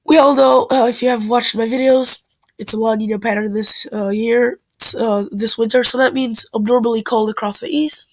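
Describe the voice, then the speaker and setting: Woman, nasal and congested with a cold, slightly high, husky, informal weather explainer. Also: steady tone, normal speed, rough recording. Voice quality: nasal, stuffed-up sound. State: congested, stuffy nose from a bad cold. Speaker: amateur weather forecast vlogger. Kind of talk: informal explanatory video narration.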